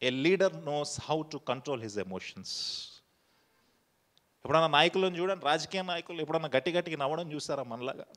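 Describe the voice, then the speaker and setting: A man's voice: fairly high pitch, fairly bright tone. Man preaching with rhetorical questions. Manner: rhetorical questions, mixes English phrases. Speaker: pastor. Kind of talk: sermon.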